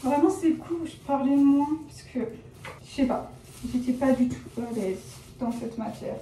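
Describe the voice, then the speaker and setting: Recorded from a distance in a roomy indoor space, a young vlogger with a high-pitched, warm voice talks at normal speed while dyeing her hair at home. Her chat is rambling and self-correcting, peppered with "genre" and "euh," and she describes herself as shy and reserved; faint ambience and a little hiss or hum can be heard.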